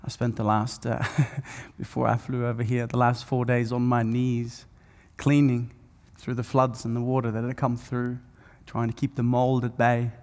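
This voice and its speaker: A man guides a conference audience through a breathing meditation. His voice sits at an everyday pitch, gentle and patient, with plenty of "uh" and "um". The sound carries a long reverb from a large event hall. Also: completely flat delivery. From Norway. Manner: soft, slow guiding voice with many fillers. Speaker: speaker guiding a breathwork session.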